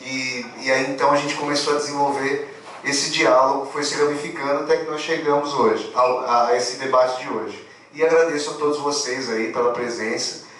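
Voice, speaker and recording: A man's voice: mid-range voice, fairly even intonation, moderate pace, fairly bright tone, a little hiss or hum. A man in his thirties giving an academic lecture, wandering into asides and restarting his phrases. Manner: digressive, full of asides and restarts. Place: lecture hall with an audience. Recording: very echoey hall, mic far off.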